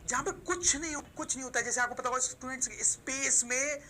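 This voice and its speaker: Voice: sits high, bright, forceful tone, slight background noise, poor audio. A woman teacher from Pakistan giving a recorded video lecture, calling out to her students again and again and answering her own questions. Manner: explains slowly, poses questions and answers them herself; addresses the listeners as "students" almost every sentence.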